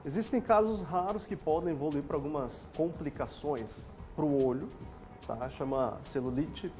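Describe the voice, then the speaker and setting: A fairly high-pitched man with a Brazilian Portuguese accent talks at a moderate pace, faint music audible behind him. He is a doctor appearing on a TV health show, calmly explaining things in simple terms for a lay audience in the studio.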